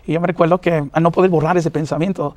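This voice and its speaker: Fast, halting preacher man telling his testimony. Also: on the high side, fairly even intonation, darkish tone, dry recording. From New York, of Puerto Rican parents. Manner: earnest, halting, many fillers. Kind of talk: personal testimony in an interview.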